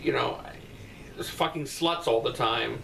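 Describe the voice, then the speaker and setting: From his bedroom at night, a middle-aged man rambles through viewer comments in a casual, blunt chat peppered with profane asides. His mid-range voice is creaky and a bit bright, moving at a measured pace. The mic sits at a distance, picking up faint room noise.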